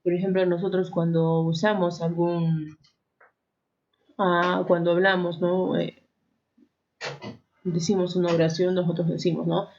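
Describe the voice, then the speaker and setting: A woman teacher with a Peruvian accent from Arequipa talks her class through a lesson, tagging nearly every phrase with a quick question to the students. Her voice sits somewhat low, and she often stops to correct herself. The recording sounds dull and lo-fi. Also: flat delivery, a little mellow. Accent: Peruvian Spanish, Arequipa. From Peru. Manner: frequent tag questions and self-corrections.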